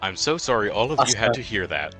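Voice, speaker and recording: A man's voice: fairly low pitch, sing-song, brisk, sharp tone, faint music behind. A man in casual chat, apologetic and swearing, with laughing asides. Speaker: co-host of a let's play.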